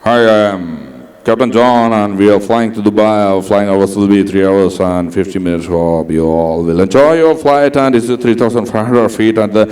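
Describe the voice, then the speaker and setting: A man doing a sleepy male airline pilot announcing to passengers in slow, mumbled words. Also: on the low side, fairly even intonation, a little mellow, far from the mic, pitched below the performer's own voice. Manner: slow, drowsy, mumbled English.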